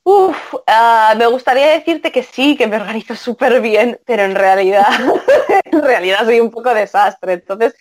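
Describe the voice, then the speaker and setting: A woman's voice: fairly high pitch, normal speed. A woman from Spain with a Spanish accent, chatting as a guest translator and acting out the dialogue she quotes. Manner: animated, acts out quoted dialogue. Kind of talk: casual podcast chat.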